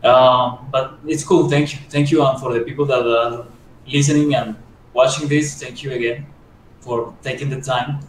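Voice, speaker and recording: A man from Colombia answers interview questions in a modest, halting way, with lots of fillers and restarts. His voice is heard from a distance in an echoey room. A faint hiss sits under the recording. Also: mid-range voice, fairly even intonation. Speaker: guest sculptor.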